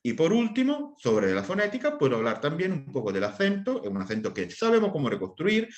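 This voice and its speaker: A man's voice: on the high side, wildly swooping pitch, a little fast. A man who is an assyriologist, explaining a lesson during an interview and checking in with his listeners often. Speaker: assyriologist lecturer.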